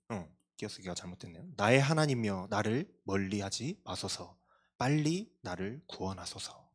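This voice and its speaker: Guy pastor preaching to young adults, earnest, kinda confessional, jokes on himself, mid voice. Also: mid-range voice. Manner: earnest, confessional, with self-deprecating asides. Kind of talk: youth sermon. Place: church.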